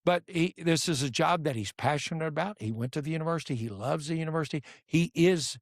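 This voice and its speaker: Older coach, gravelly storyteller acting out each voice, dry close sound. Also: male voice, fairly high pitch, fast, no room sound. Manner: animated storyteller acting out dialogue. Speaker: podcast guest, basketball coach. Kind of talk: storytelling in casual conversation.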